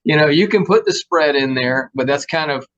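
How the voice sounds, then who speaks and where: A man's voice: on the high side, normal speed, a bit bright, lo-fi sound. A middle-aged man hosting an interview, talking in an easygoing, agreeable way. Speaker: podcast host, square dance caller. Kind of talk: casual interview chat.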